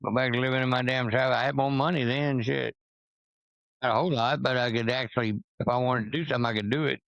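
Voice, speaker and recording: A man's voice: mid-range voice, steady tone, fast, vocal fry, fairly bright tone, no room sound. A man in casual, opinionated chat, blunt and preachy, swearing freely. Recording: dull, lo-fi sound.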